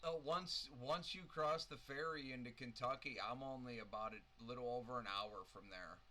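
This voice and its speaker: A man hosts a relaxed chat in his usual mid-pitched voice. He tells stories in a jokey, easygoing way. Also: normal speed, a crowd in the background. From US Upper Midwest. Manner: laid-back, storytelling, jokey. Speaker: podcast host. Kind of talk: casual interview chat.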